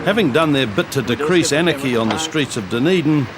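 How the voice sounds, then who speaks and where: Wry male Kiwi TV narrator, mid-pitched. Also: animated, fairly quick. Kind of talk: scripted documentary TV narration. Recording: voice-over over noisy street sound.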